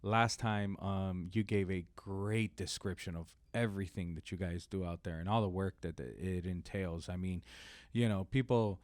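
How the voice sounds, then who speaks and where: A man's voice: low-pitched, moderate pace, a little mellow. A man hosting a podcast, joking around and asking his guest questions. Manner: jokey, asks questions. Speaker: podcast host. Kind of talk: casual podcast chat.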